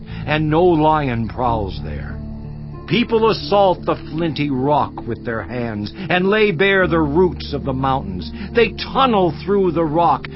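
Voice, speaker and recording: A grave, lamenting Job, played by a man in an audio Bible drama, his slightly high voice rising and falling widely as he declaims slowly and solemnly. The sound is dull and lo-fi, with a soft cinematic score beneath. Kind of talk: dramatized scripture reading. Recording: dull lo-fi with music underscore.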